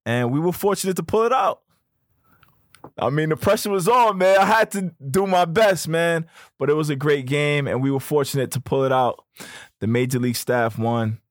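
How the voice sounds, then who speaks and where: A young man hosting a podcast, telling a story in a casual, slangy, animated way. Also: fairly high pitch, moderate pace, no room sound, studio quality. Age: young adult. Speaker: podcast host.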